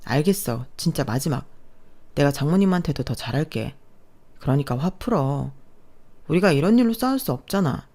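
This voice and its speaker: A woman voicing an apologetic young husband who speaks softly and placatingly. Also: low-pitched, expressive, normal speed. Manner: placating, soft.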